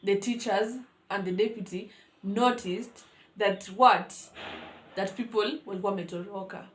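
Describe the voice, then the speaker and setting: A young woman with a Kenyan accent telling a school story on her vlog in an animated, dramatic way. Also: mid-range voice, moderate pace, roomy sound, slight background noise. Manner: animated, dramatic, code-switching. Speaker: vlogger.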